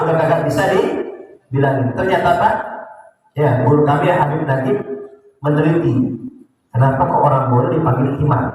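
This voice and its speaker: Lively preacher man in echoey mosque. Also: high-pitched, slight background noise. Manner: lively, teasing, asks the congregation questions. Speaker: ustadz teaching a kitab study. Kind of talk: mosque sermon lecture. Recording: echoey mosque hall from far off.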